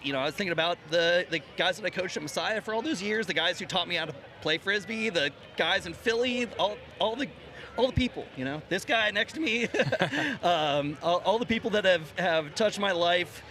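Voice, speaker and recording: Choked-up coach with a shaky voice. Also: male voice, sits high, sharp tone. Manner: halting, many restarts and fillers, choked up. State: shaky voice from crying. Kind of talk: emotional post-game interview. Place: outdoor championship stage with a crowd. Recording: crowd noise behind.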